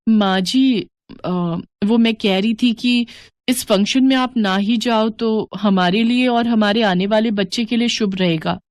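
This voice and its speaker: A woman's voice: fairly high pitch, measured pace, a little mellow, no room sound, lightly acted. A woman voicing a young, pregnant, rich daughter-in-law who talks politely but dismissively.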